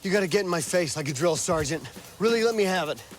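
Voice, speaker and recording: An actor playing a hapless but determined middle-aged dad in a family sitcom, hesitant and self-justifying. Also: male voice, high voice, expressive, quick pace, soft background music. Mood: desperate, determined. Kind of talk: sitcom acting.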